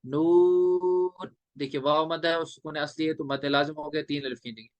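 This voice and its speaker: A male teacher explaining recitation rules step by step, drawing out letters in slow chanted examples. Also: on the high side, little pitch movement, fairly bright tone, dry recording, dull audio. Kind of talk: classroom lecture on recitation rules.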